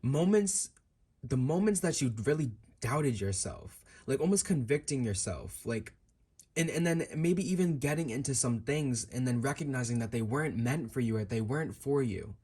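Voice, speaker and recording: A husky, mellow male voice at medium pitch, with lively intonation and an ordinary pace. Speaking straight to the listener, this tarot card reader improvises a fortune teller's reading, musing aloud and looping back to repeat and rephrase what he's said.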